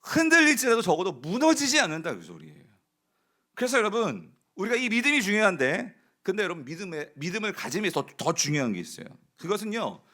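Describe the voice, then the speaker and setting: Male pastor, sermon: bright, lively delivery with high pitch, keeps quizzing the congregation. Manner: animated preaching, asks the congregation questions and answers them; acts out quoted speech of the spies and of Caleb.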